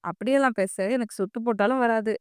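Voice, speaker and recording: A woman's voice: on the high side, quick pace, darkish tone, clean tone, dry recording, studio quality, lightly acted. A woman doing a sneering, sarcastic young man. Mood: mocking. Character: sarcastic rebellious young man, bitter and mocking.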